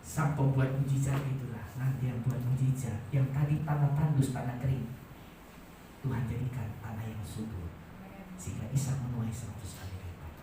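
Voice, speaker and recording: A man with an Indonesian accent preaching a sermon, swinging between loud shouted peaks and quiet joking asides with the congregation. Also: medium pitch, steady tone, moderate pace, distant mic, noisy background. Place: large church hall. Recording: very echoey hall, voice from afar.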